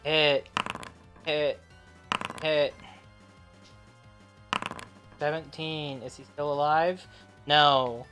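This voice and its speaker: A man running a tabletop game as game master, laid-back and quick to laugh. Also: on the high side, steady tone, bright, forceful tone, soft background music.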